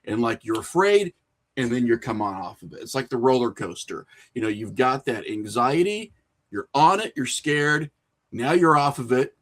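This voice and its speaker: A middle-aged man from a small rural town, a horror filmmaker and writer, appears as a podcast guest, talking casually and reflectively. He tells anecdotes informally, chuckling a bit, in a mid-range voice with big pitch swings at a moderate pace.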